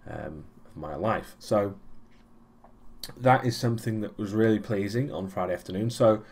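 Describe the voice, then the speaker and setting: This European vlogger is a young man whose voice is fairly low and a bit dark, moving at a moderate pace. His weekly recap is casual and rambling, full of ums, false starts and dry sarcasm.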